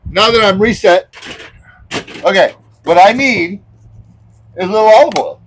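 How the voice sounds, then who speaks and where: A man's voice: sits high, moderate pace, a little hiss or hum, poor audio. Jokey laid-back barbecue co-host, a man. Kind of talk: casual cooking demonstration.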